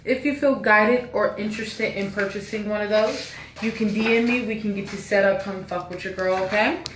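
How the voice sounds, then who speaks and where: A woman giving a casual channeled spiritual message to her viewers, relaxed and repetitive, with a preachy lilt. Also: medium pitch, moderate pace, echoey room, far from the mic, noisy background. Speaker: spiritual reader.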